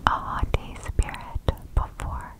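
A woman whispers a reading in ASMR style, hands cupped close around the mic. Her voice is breathy and unvoiced. She goes extremely slowly, setting out each short phrase deliberately with long gaps between. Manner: slow, deliberate phrasing with long pauses, words sometimes repeated. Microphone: close microphone with hands cupped around it.

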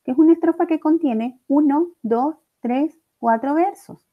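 A woman's voice: high voice, unhurried. A woman teacher explains a lesson step by step, often checking in with the class. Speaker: language teacher. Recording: dull lo-fi recording.

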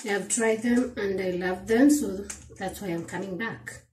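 A woman's voice: medium pitch, a little slow, a little mellow, recorded from a distance. A young Kenyan woman in her twenties with a Kenyan accent, chatting casually at home about her grocery haul, repeating words and dropping in Swahili phrases. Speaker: vlogger. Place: small room at home, indoors. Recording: echoey room, a little off-mic, faint noise.

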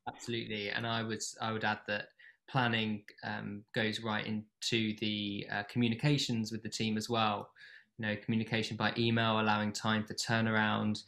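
A man on a video call moderating a panel, briskly handing over to speakers. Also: on the low side, monotone, gravelly, fairly bright tone.

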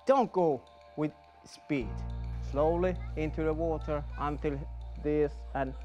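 A man's voice: a little high, takes it slowly, a little mellow, highs cut off, soft background music. An English speaker, a male guide giving simple instructions outdoors. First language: not English. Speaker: local guide. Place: outdoors on a snowy frozen lake.

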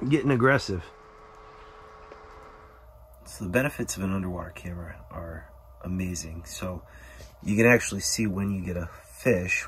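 A man with a low, gravelly voice narrates his ice fishing inside a small shelter on a frozen lake. He talks in a relaxed way and chats to the fish as he handles them. A faint hiss of noise sits under his voice from the camera mic. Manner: relaxed, talks to the fish, drops to a hushed whisper when excited. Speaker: outdoor vlogger. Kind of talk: casual solo fishing commentary.

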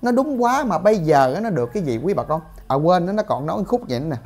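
Woman, ranting commentary, exclamatory, lively pitch, mellow tone. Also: fast talker. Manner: indignant, full of exclamations. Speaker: gossip commentator.

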